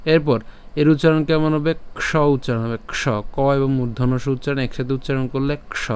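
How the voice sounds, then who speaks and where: Patient man teaching slow recitation. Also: medium pitch, fairly even intonation, darkish tone, clean tone. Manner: patient, repeats each word slowly several times. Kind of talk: slow syllable-by-syllable pronunciation lesson with chanted recitation.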